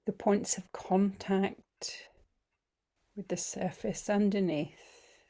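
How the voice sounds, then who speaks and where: A woman guiding a body scan meditation, speaking gently with frequent ums and some softly whispered phrases. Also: medium pitch, steady tone, slow. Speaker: breathwork and mindfulness teacher.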